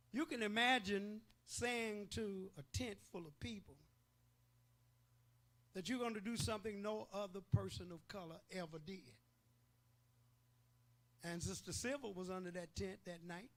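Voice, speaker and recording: An older man preaching a sermon as pastor, emphatic, rising to loud peaks and pausing for effect. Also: sits high.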